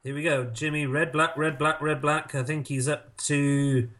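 A man doing snooker commentary in a measured, shot-by-shot way, mixed with casual banter and dry, laddish humour. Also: fairly high pitch, level tone, fairly bright tone.

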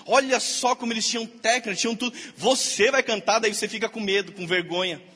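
A male pastor, preaching a lively sermon and acting out quotes of the people he talks about. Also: high voice, brisk, breathy edge. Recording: long hall reverb.

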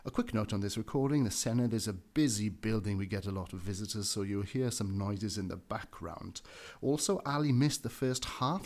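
A male podcast host with a fairly low voice introduces his guests. He reads briskly, then stumbles a little when he asks questions. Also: darkish tone. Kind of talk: scripted introduction and interview questions.

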